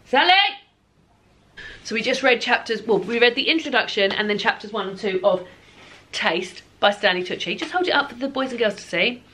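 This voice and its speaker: A woman's voice: a little high, fairly quick, fairly bright tone, a little hiss or hum. A woman chatting casually and giggling often while vlogging at home about books and her weekend. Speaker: book vlogger. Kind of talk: casual home vlog chat.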